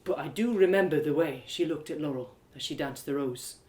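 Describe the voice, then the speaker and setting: For an audio drama, a woman with a low, slightly mellow natural voice speaks a little fast as a heartbroken, earnest young village man, confiding hesitantly and rustically in a recollecting mood. The home live reading has a roomy echo.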